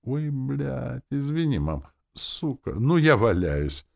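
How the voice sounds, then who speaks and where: A man's voice: medium pitch, big pitch swings, slow, gravelly, voice pushed up, full character voice. A man voicing a bashful young woman journalist who swears a lot, in an audiobook reading. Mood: laughing. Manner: timid, then loud and swearing.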